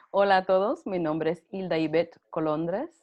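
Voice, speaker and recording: A woman's voice: fairly low pitch, takes it slowly. A middle-aged Puerto Rican woman with a Puerto Rican accent, chatting casually about her life and laughing often. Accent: Puerto Rican Spanish. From Puerto Rico. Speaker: interviewee. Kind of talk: casual personal storytelling. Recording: dull lo-fi audio.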